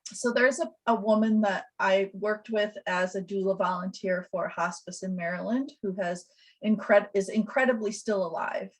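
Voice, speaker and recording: A woman speaking gently and reflectively as a presenter in an online webinar. She explains things calmly and unhurriedly. Her voice sits at an ordinary middle pitch and comes through a video call. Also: normal speed, low-quality recording. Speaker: death doula and presenter.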